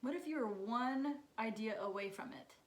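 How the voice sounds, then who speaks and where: A woman's voice: a little high, normal speed, rough recording. Upbeat woman co-hosting a chat. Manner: upbeat, laughs often, quotes others in bright voices. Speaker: podcast co-host. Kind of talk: casual chat.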